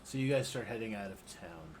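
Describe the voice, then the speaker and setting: A man acting as game master in an online group voice chat, talking in a relaxed, rambling way with lots of fillers. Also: lowish voice, brisk, slight background noise. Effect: online group voice chat, connection drops out. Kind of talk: narrating a tabletop game.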